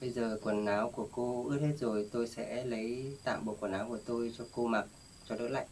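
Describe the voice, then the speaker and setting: A man acting in a staged rural drama, speaking in a plain, steady, reassuring way. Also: medium pitch, fairly quick, a little hiss or hum. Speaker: vlogger playing the rescuer.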